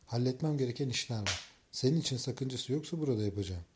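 A man's voice: medium pitch, lively intonation, fast, background noise, lightly acted. A man voicing a stern, protective young husband who gives firm, clipped commands in an audiobook.

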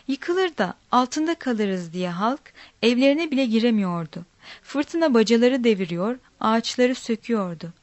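A woman narrating a storybook aloud in a measured, plain reading. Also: a little high, no echo.

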